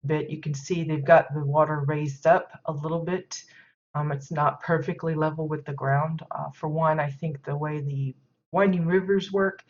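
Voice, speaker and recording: Woman host, deep-pitched, congested, chatty stream commentary full of fillers. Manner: rambling, many fillers and restarts. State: stuffy nose from sneezing. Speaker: game stream host giving housing tours. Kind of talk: casual live-stream commentary. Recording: dull lo-fi stream audio.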